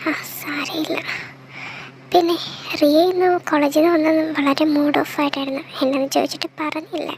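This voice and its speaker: A woman voicing the young women in an audio drama story, speaking in a hushed, breathy, dramatic way. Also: sits high, little pitch movement, normal speed, slight background noise, poor audio. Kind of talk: acted dialogue in a fan-fiction audio story.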